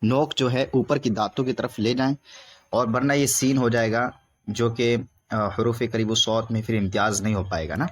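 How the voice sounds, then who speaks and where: Male reading teacher, patient repetitive lesson, spells out syllables slowly, mid-pitched voice. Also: fairly even intonation. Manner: slow repetitive explaining, drawn-out spelled recitation. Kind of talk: recorded lesson.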